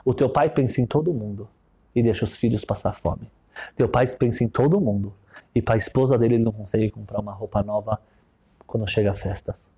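A man voicing a smug, dishonest rich man who talks low and dismissive, scorning honesty. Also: fairly quick, mellow, breathy edge. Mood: cold, lecturing.

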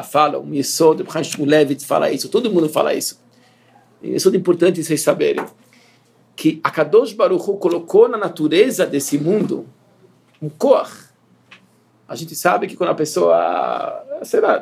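A man's voice: a little high, creaky, darkish tone, slightly rough. A man teaching as a yeshiva rabbi, earnest and repetitive, asking his students rhetorical questions and weaving in Hebrew terms. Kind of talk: Torah lesson to students.

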